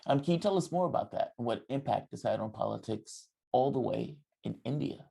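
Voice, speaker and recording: A man's voice: medium pitch, expressive, brisk, gravelly, dark tone, husky. A man hosting a livestream panel, introducing guests with many ums and apologies. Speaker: livestream host.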